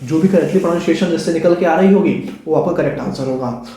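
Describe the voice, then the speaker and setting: A man's voice: on the high side, fast talker, warm tone, echoey room. A man with an Indian English accent teaching an online exam-prep lesson, chatty and coaxing, calling his students guys and dear children.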